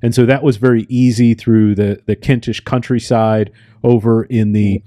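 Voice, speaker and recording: An American man hosting a podcast, chatting in an unhurried, reflective way and searching for his words. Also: medium pitch, fairly even intonation, dark tone, no echo, studio quality. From United States. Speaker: podcast host. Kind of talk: casual interview conversation.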